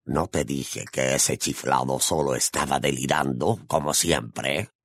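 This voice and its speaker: Man voicing a rough, menacing Death Eater. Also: extremely low pitch, measured pace, a bit bright, voice pushed down, exaggerated voice. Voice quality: rough, gravelly. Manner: sneering, threatening. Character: harsh menacing male Death Eater, cruel. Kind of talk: audiobook narration.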